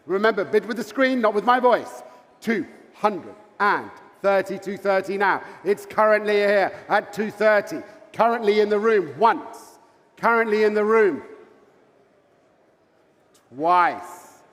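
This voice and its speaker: A high-voiced man runs a live sale as a fine art auctioneer. He repeats figures in a rolling chant and speaks courteously to bidders. His voice rings through a hall with long reverb. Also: expressive, unhurried. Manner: repetitive chant of bids, courteous asides to bidders. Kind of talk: live auction bid-calling.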